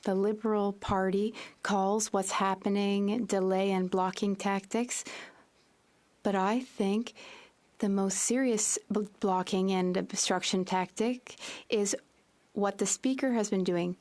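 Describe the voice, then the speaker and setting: A woman giving a live interpretation of a parliamentary debate speech in a measured, formal way. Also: medium pitch, steady tone, darkish tone.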